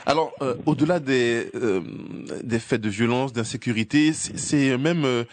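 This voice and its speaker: A man hosting a radio interview, asking measured questions with occasional fillers. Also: medium pitch, a little hiss or hum. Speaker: radio host.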